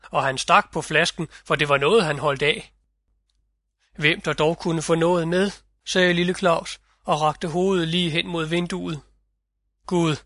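A man narrating a fairy tale audiobook in a measured storytelling manner, close to the mic. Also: on the high side, bright, forceful tone, dry recording.

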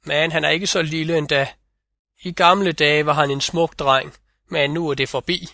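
A man's voice: on the high side, fairly even intonation, creaky, bright, forceful tone, no room sound, studio quality. A man doing the stern old mother of the winds. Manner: stern, threatening. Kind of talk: audiobook fairy-tale reading.

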